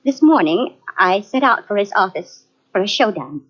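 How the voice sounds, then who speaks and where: A tense, defensive widow with money and under suspicion is voiced by an actress in a 1940s radio drama, her delivery halting. She speaks in a natural mid-range voice with lively intonation, and the recording is a dull, lo-fi old radio one.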